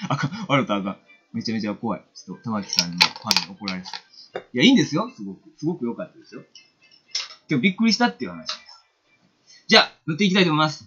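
A man with a Kansai accent hosts a live stream, giving a casual, chatty watercolor painting demo and reading viewer comments aloud. His voice is medium in pitch with a breathy edge, and the sound is lo-fi.

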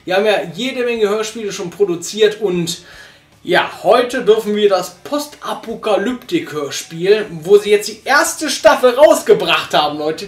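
In an echoey room, a young man with a high voice hosts a casual review chat from a sofa in a small living room. As podcast host and reviewer, he's enthusiastic and rambling, using lots of fillers.

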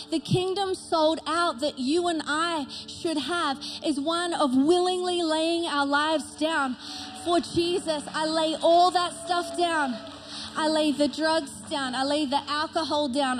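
Middle-aged lady pastor preaching hard on a big church stage, high voice, handheld mic. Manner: passionate, emphatic preaching, pacing the stage. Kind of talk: sermon. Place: large church stage with live audience. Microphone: handheld microphone.

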